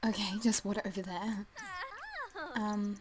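Woman gamer, slow easy delivery, lots of ums, chats to her sims, faint hum and mouse clicks behind. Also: mid-range voice, little pitch movement. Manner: chatty, hesitant with many ums, talks to the game figures. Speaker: let's play gamer. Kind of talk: casual gameplay commentary.

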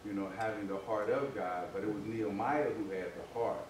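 A man with a lowish voice speaks briskly, sharing a reflective comment in a Bible class group discussion and often checking with little tag phrases that others are following. The recording comes from a far camera in a church meeting room, with a distant mic, heavy echo, and a noisy room.

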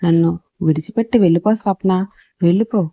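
A man's voice: sits high, fast talker, warm tone, no room sound. A woman narrator voicing a distraught blind young husband, bitter and pleading, on a dull lo-fi recording.

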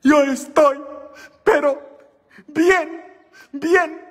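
A man voicing a flustered American nun with an American accent, speaking halting, broken Spanish in a high, strained voice. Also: steady tone, a bit bright, full character voice. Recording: echoey church hall.

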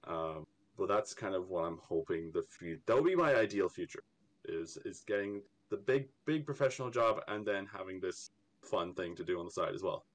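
Speaking low and expressively at normal speed, a young man from Ireland appears as an artist guest in a casual interview. His Irish accent has a slight American tint, and he tends to ramble and stammer, breaking into frequent laughter.

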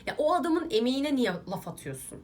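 Young woman vlogger, animated rant, slightly high voice, faint room hiss. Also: brisk. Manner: irritated, emphatic, ranting to viewers. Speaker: beauty vlogger. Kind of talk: casual vlog rant while doing makeup.

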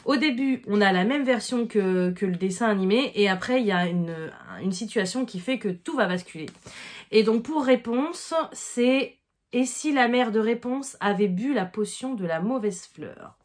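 Opening presents sent by her subscribers, a vlogger in her thirties chats casually, bubbling over with delight and repeatedly saying thank you. She speaks at a normal pace in a fairly high, animated voice with a darkish tone.

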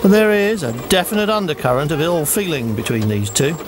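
A male narrator reads a scripted voice-over with measured, wry timing. His voice sits a touch high. Engine noise runs clearly under his words. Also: very animated.

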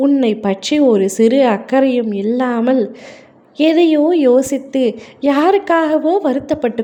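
Mellow, consoling woman, lo-fi devotional reading. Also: high-pitched. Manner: tender, consoling, slow and earnest. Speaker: devotional narrator. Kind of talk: devotional message in a deity's voice. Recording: dull lo-fi recording.

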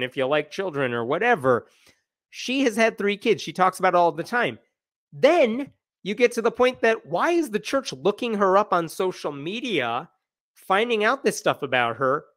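A man in his forties hosting a casual commentary livestream from a small room, animated and sarcastic, gesturing as he talks. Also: high-pitched, no echo, studio quality. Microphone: wired earbuds with dangling mic and desk mic.

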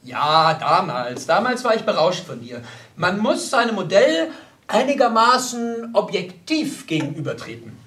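A man's voice: sits high, big pitch swings, measured pace, a bit bright, distant mic, exaggerated voice. A man playing an earnest young painter. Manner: earnest, lecturing. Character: earnest young male painter, proud and touchy. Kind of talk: audiobook character voice.

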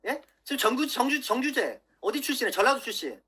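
A man's voice: very high voice, sing-song, quick pace, pushed and bright, breathy edge. A man in his thirties on a livestream, swearing angrily and lecturing his viewers, keeps asking "예?". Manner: profane, angry, keeps asking "예?". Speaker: political YouTuber. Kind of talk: livestream rant.

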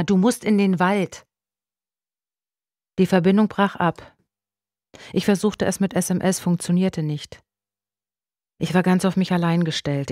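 Low-voiced woman narrating a thriller, hushed. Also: no room sound, studio quality. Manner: hushed, tense first-person storytelling. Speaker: audiobook narrator. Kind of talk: scripted thriller audiobook narration.

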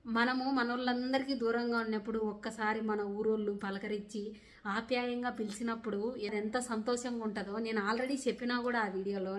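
A young woman from Rayalaseema with a Rayalaseema Telugu accent, answering viewer questions in a casual vlog in an earnest, rustic village way of talking. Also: on the high side. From Rayalaseema, India. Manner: earnest, rustic village dialect, defends herself plainly. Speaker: vlogger.

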